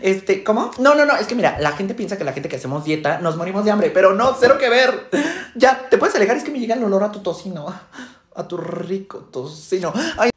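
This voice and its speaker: A man's voice: high-pitched, expressive, fairly quick, fairly bright tone. A man voicing a stuck-up, bossy, vain teenage schoolgirl in a comedy sketch, with a Mexican accent and drawling, exaggerated sighs and fillers. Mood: snobbish. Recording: roomy echo.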